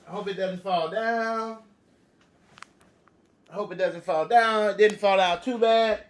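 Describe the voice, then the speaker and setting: This man's voice sits high and moves at a measured pace. He's an American preschool and kindergarten teacher leading a children's TV lesson of stories and counting, asking simple questions and repeating phrases as though reading to a toddler.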